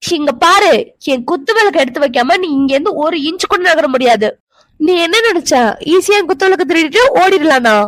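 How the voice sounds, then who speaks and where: A woman plays a feisty young cartoon woman with a very high voice who accuses and argues sharply and can break into tears. The sound is dry and close. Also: lively intonation, fairly quick, fairly bright tone, no echo. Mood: accusing. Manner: accusing and tearful.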